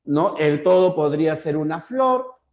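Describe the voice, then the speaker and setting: A man's voice: on the high side, expressive, a little mellow. A man with a Peruvian Spanish accent teaching a class, often repeating key terms and checking in with "¿ya?". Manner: slows down to spell out examples. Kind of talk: classroom lecture.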